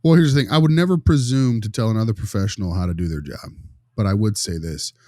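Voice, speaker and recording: Warm-toned and lowish, this man talks fast as a behavior-specialist panelist on a podcast, loose, colloquial, wry and verbose. The casual discussion includes case role-play, recorded dry at studio quality.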